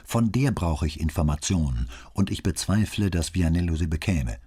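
A man's voice: sits low, animated, normal speed, warm tone, slightly rough. A man reading an audiobook and voicing a middle-aged police commissioner who speaks curtly and insistently. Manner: curt, insistent. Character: middle-aged male police commissioner, brusque then pleading.

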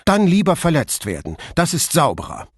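A man's voice: mid-range voice, animated, unhurried, breathy edge, dry recording, studio quality. A man voicing a frightened, dramatic female stage star who speaks in agitated, theatrical outbursts. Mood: disgusted.

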